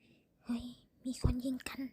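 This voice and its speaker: A woman's voice: high voice, moderate pace, warm tone, slight background noise, pitched above the performer's own voice, natural voice. Woman doing a jumpy young man on a ghost hunt. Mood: tense urgent. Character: young man, a scared ghost-hunting friend.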